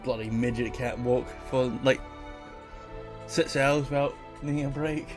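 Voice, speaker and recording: A man's voice: medium pitch, fairly even intonation, a little slow. A man with a British-sounding accent giving casual commentary while playing a video game. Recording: music behind the voice. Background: game music.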